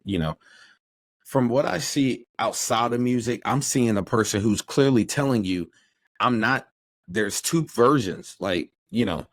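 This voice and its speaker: A man talking casually on a podcast, rambling and animated, often slipping into quoted voices. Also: mid-range voice, unhurried, no echo. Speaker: podcast co-host.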